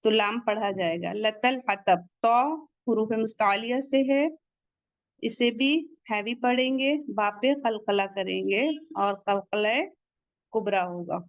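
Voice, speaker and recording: Slow, careful woman teaching recitation. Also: medium pitch, no room sound, muffled recording. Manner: slow, deliberate, drawn-out recitation of each word. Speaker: Quran tajweed teacher. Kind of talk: tajweed lesson, recites then explains.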